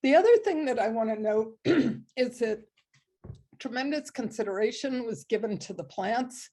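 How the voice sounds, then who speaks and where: A woman giving a presentation on a park's design, hoarse and coughing, speaking deliberately with frequent pauses. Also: a little high, expressive, warm tone. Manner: slow and deliberate, with many ums. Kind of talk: online presentation.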